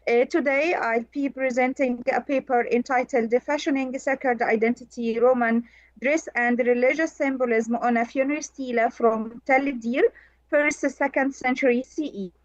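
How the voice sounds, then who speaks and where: A woman from Egypt, presenting over a video call and reading a prepared conference paper slowly and carefully. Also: high voice, steady tone, dry recording. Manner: slow, careful, measured delivery. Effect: heard over a video call. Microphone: remote computer mic on a video call. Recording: dull, dry video call audio.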